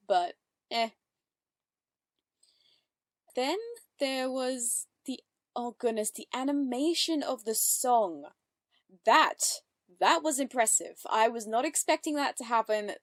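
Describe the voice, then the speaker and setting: A reaction channel host with a voice on the high side gives casual, upbeat commentary, giggling often. Her chatter is full of fillers and self-corrections. The audio is studio quality with no room sound.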